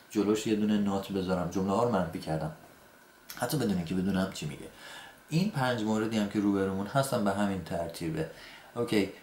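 A man with a very low voice, a native Persian speaker, teaching English grammar. He slows right down for each example sentence, then speeds back up to explain. The room is echoey, with a faint hiss of noise behind him. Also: darkish tone. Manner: slow, deliberate example sentences between quick explanations.

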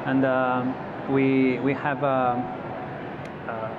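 A man in his thirties talks as a guest on a convention-floor studio set. He explains at an easy middle pitch, often restarting his words. The audio is slightly muffled, with clear crowd noise around him. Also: completely flat delivery, extremely slow. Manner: thoughtful, many restarts and fillers. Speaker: company executive guest. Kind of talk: trade show interview.

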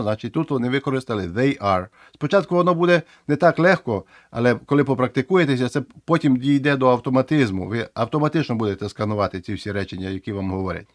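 A man's voice: medium pitch, no room sound. Guy explaining english grammar to learners, plain middle voice, dry close sound, repeats example words over and over. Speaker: English teacher.

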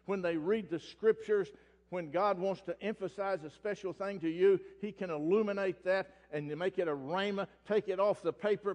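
A pastor with a Southern US accent delivers a fiery sermon in a high, strained voice. He swings between loud ranting and low, quiet scripture reading. The sound carries the long reverb of a church hall. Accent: Oklahoma Southern US. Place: church sanctuary.

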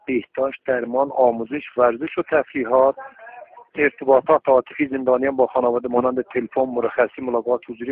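A man in prison leaving a recorded voice message by phone, reading a formal prepared statement in a steady, list-like way. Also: mid-range voice. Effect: voice message recorded over a phone line. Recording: tinny phone line.

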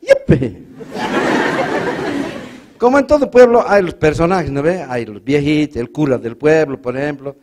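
With background noise behind him, a Bolivian comedian delivers a stand-up set in his native Spanish accent, speaking a little slowly with long pauses in a slightly high, animated voice. His folksy stories feature a put-on stutter and comic character voices.

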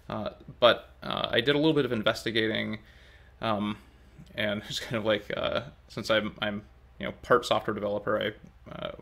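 In the open kitchen and dining room of his home, a thirtysomething language-learning vlogger offers an off-the-cuff update to camera. His voice is mid-range, creaky and fairly bright, and he wanders a little, pausing uncertainly as he works through his thoughts.

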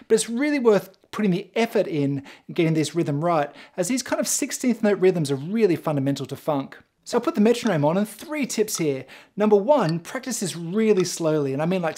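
A woman teaching bass guitar in a tutorial, explaining step by step in a clear, encouraging way. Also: warm tone. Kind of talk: instrument tutorial.

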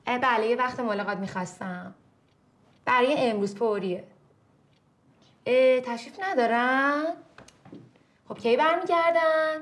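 A woman's voice: a little high, pauses often, fairly bright tone, natural voice. A woman playing an insistent, impatient caller. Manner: insistent, fussy. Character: impatient woman pushing for an appointment.

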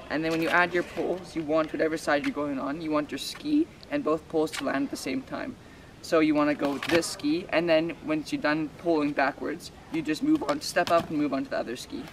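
Young man teaching skiing on a noisy trail. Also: a little high. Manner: casual, explains step by step with fillers. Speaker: ski instructor. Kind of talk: outdoor instructional talk. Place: snowy outdoor ski trail. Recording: distant outdoor mic with noise.

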